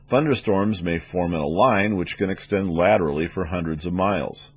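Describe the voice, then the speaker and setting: This weather instructor for air traffic controllers has a deep, somewhat rough voice. He reads prepared training narration, walking through the material methodically and explanatorily.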